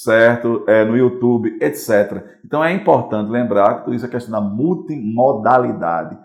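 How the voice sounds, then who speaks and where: A male teacher who speaks Brazilian Portuguese gives a recorded online class in a fairly low, reverberant voice. He explains patiently, repeats his points, and keeps checking in with the students by asking "certo?".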